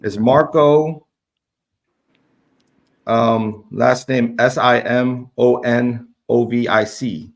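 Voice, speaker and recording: A man's voice: medium pitch, fairly even intonation, very slow, gravelly, pauses often. A man with a Brooklyn accent, in a casual sports debate.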